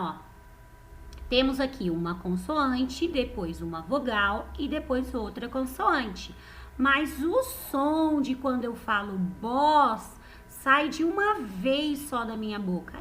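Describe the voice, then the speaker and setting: High-pitched woman teacher, patient and unhurried, repeats words and quizzes young kids. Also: fairly bright tone, slight background noise. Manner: patient, repeats words slowly and asks the class questions. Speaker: primary school teacher. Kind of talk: online lesson explaining exercises to children.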